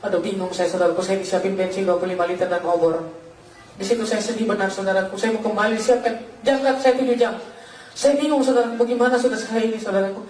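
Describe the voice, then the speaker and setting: Guy preaching his testimony fast and fervent, keeps calling the crowd brothers, sounds far off in a roomy church. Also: sits high, fairly even intonation, a little mellow, slight background noise. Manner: fervent storytelling, repeatedly addresses listeners as brothers. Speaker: pastor giving a testimony. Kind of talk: testimony sermon. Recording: echoey hall, voice from a distance.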